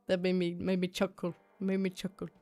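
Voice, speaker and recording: A woman's voice: on the low side, completely flat delivery, fairly quick, mellow. A woman chatting casually on a livestream, rambling and repeating herself in an informal, sweary way. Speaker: live streamer. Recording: music playing behind the voice. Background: music.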